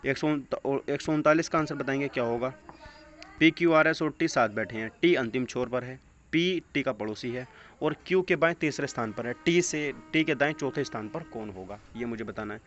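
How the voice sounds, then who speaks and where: Reading out test-prep questions and answers, this male teacher has a medium-pitched, slightly bright voice and speaks a little fast. English phrases pop up in his instructional delivery, and the recording is dull and lo-fi with clear background noise.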